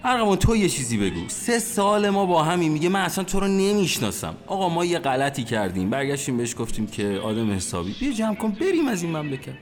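A man's voice: on the high side, hardly any pauses. Guy doing a jealous boyfriend, voice swinging up and down a lot, faint music behind. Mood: anxious. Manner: animated, mimicking others' words. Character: jealous, suspicious young man questioning his girlfriend. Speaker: young man at a cafe with friends. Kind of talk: radio play acting.

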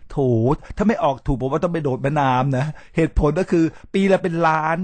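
ผู้ชายไทยวัยกลางคน พูดบรรยายแบบเป็นกันเอง เสียงค่อนข้างสูง. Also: male voice, a little high, fairly quick, no room sound. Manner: animated, mixes English words into his talk, demonstrates pronunciation. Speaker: podcast host teaching English. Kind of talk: casual lecture-style talk to listeners.

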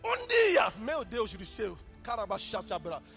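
A male preacher with a very high, lively voice that leaps from loud calls to hushed storytelling. His tone is bright and sharp. Faint music plays under his sermon. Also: measured pace, gravelly. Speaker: visiting prophet preaching. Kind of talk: sermon with interpreter.

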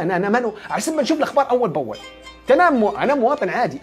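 A man talks at a breakneck clip during a motivational livestream, animated and conversational as he repeats his points. Faint music sits behind his voice. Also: high-pitched. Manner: rapid, animated, repetitive and conversational. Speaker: psychologist.

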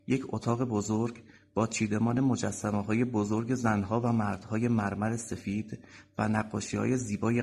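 A man narrating a novel excerpt as a calm audiobook reader. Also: on the low side, creaky, husky. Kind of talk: scripted narration.

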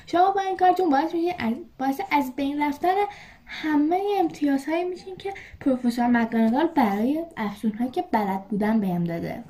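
A woman's voice: high-pitched, animated, warm tone, pitched above the performer's own voice. A woman voicing a bossy know-it-all schoolgirl who scolds the boys in a read-aloud story. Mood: scolding. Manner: preachy, scolding.

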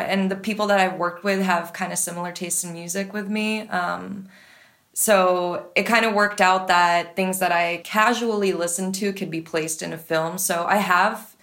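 Woman chatting loosely with many fillers. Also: mid-range voice. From United States. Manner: relaxed, filler-heavy, lots of "like". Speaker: guest, music supervisor. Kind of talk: casual conversation.

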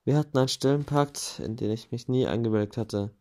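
A man reading a first-person novel aloud in a plain, steady way, with small self-corrections now and then. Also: mid-range voice, a little fast. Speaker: audiobook reader.

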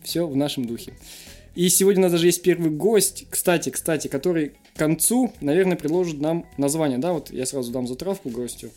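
A slightly higher-voiced man with a soft, mellow tone hosts a casual interview over music. He burrs his r sounds and talks in a joking, self-deprecating way. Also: brisk. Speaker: interview show host.

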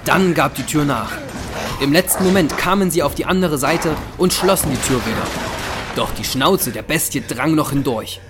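A man with a fairly high voice reads scripted audio-drama narration at a moderate pace, telling the story in the past tense. Loud, dramatic music plays under his voice, and there's background noise.

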